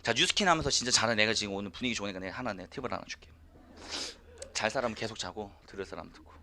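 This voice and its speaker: A man giving a lively, joking business seminar talk to a live audience in a presentation room. He acts out quoted dialogue with loud bursts. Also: mid-range voice, slight background noise.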